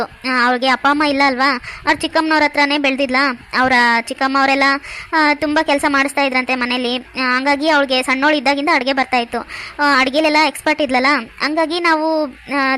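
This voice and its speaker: A woman's voice: high-pitched, bright, forceful tone. Woman voicing a chatty, kind young sister-in-law. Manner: chatty, explaining at length. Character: friendly young wife, warm-hearted sister-in-law. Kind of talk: cartoon voice acting.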